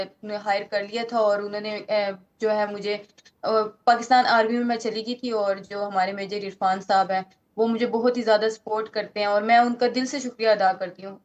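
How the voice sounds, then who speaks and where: Young woman boxer, flat and earnest. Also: on the high side. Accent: Pakistani Urdu. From Pakistan. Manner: earnest, halting, many fillers and restarts. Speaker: boxer, interview guest.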